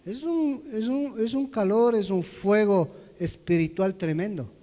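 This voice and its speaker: High-voiced preacher, echoey hall. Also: male voice, a little slow. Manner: storytelling, swings from loud to hushed. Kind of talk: sermon testimony. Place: church hall.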